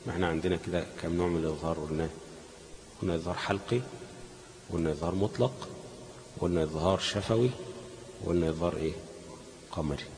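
A man's voice: low voice, fast talker, pauses often, a little mellow, a little hiss or hum. Egyptian man teaching in an echoey hall. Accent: Egyptian Arabic. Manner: asks leading questions and lets students finish the answer. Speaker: Quran recitation teacher. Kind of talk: classroom lesson with questions to students.

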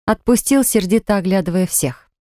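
A woman narrating a first-person fantasy audiobook with expressive storytelling. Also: mid-range voice, normal speed, dry recording, studio quality.

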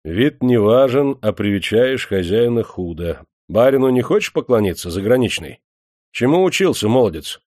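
A man voicing a stern, domineering male factory master who barks gruff commands in an audiobook. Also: medium pitch, big pitch swings, moderate pace, darkish tone, no room sound, clean studio sound, close to an everyday voice. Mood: imperious.

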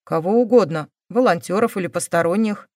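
A woman voicing a calm, stern male police investigator who presses with measured questions. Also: lowish voice, no room sound, studio quality, close to an everyday voice.

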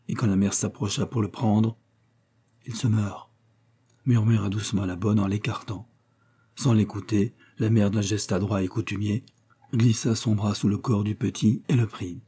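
A man narrating a literary short story for an audiobook in a measured, solemn manner. His voice sits low with a dark, mellow color. A slight huskiness runs through his reading. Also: slightly rough.

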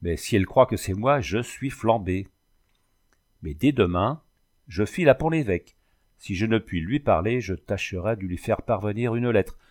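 A worried, guilty village notary, as a man reads him aloud, muttering his fears to himself. The voice is fairly low and tense with worry, in a storybook reading. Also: lively intonation, normal speed, a little mellow, close to an everyday voice. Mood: anxious.

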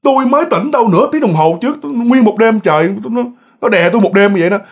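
A man's voice: high voice, animated, rapid-fire, pitched above the performer's own voice. Man putting on a frightened village uncle. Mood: agitated. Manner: rambling, breathless complaint.

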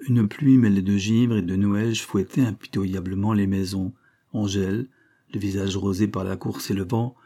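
A man narrating a classic novel in a steady, measured reading. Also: on the low side, husky. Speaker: audiobook reader. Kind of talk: literary narration.

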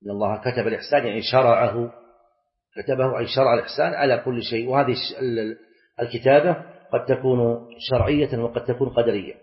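A middle-aged man, teaching a class, reciting verses slowly and quizzing students with short questions. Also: mid-range voice, fairly even intonation. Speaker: Islamic scholar teaching a class. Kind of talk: classroom lecture on Arabic grammar and scripture. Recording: echoey, dull lecture-hall recording.

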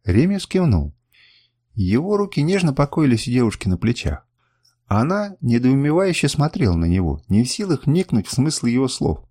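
A man reading a novel aloud as an audiobook narrator, expressive and dramatic. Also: medium pitch, normal speed, slightly rough, no room sound, studio quality. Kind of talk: scripted narration.

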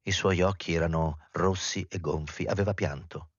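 A man reading a novel aloud in a measured, dramatic storytelling manner with a husky voice. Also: low voice, steady tone, dry recording, dull audio. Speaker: reader. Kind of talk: literary audiobook reading.

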